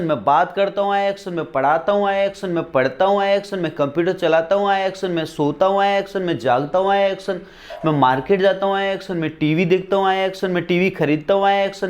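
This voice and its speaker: A man teaching an English lesson, drilling examples over and over and asking rhetorical questions. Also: high-pitched. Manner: spells out words letter by letter.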